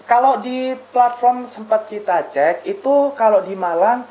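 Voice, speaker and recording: A young woman, a recent graduate and community founder, answering in a relaxed way and pausing often to find her words. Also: fairly high pitch, roomy sound, low-quality recording. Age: young adult. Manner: relaxed, drawn-out, searching for words. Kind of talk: casual interview answers.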